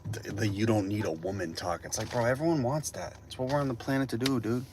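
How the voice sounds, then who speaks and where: Rambling twenty-something man, low voice. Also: fast, a little hiss or hum. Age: 20s. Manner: rambling, animated, says bro a lot. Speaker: livestreamer. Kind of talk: casual livestream chat. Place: driving through a city at night.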